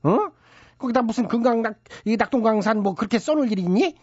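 A man's voice: extremely high pitch, lively intonation, quick pace, darkish tone, slightly rough, no echo, full character voice. A man playing a greedy, scheming company chairman who bosses his staff around in a radio comedy sketch. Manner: bossy, scolding underlings. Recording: slightly dull radio broadcast with faint music.

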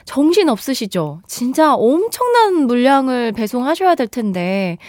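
A woman radio DJ chatting and reading listener messages, animated and laughing often, on a close studio mic. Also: high voice, moderate pace, no room sound.

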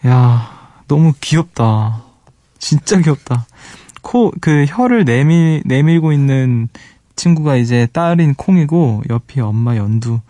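A man hosting a late-night radio show, reading listener letters aloud in a soft-spoken, fond way and gushing over pet photos from a studio microphone. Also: medium pitch, animated, slow, no room sound.

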